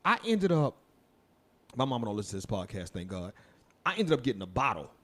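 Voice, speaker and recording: Speaking at a medium pitch and a fairly quick clip, this man co-hosts a podcast and is very animated. He spins a long, casual tale full of laughter and profanity, voicing the people he quotes.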